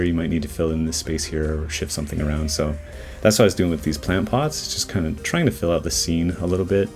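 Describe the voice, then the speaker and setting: Guy with a really low voice chatting loosely over his blender timelapse, lots of ums, soft music behind. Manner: relaxed, rambling, with many fillers and restarts. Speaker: 3D artist giving commentary. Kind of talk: casual voice-over commentary on a modeling timelapse. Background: faint background music.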